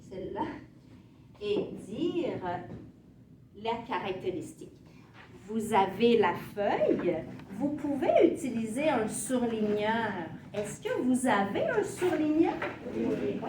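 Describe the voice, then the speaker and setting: A woman teaching a class, speaking in short, simple phrases and demonstrating for learners. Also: a little high. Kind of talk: classroom lesson. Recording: echoey classroom from far off, with room noise.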